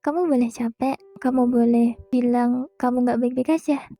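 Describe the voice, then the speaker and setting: Gentle young woman, soft and mellow. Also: a little high, fairly even intonation, normal speed, no room sound, soft background music. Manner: gentle, reassuring, speaks directly to the listener. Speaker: podcast host. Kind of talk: soft comforting monologue.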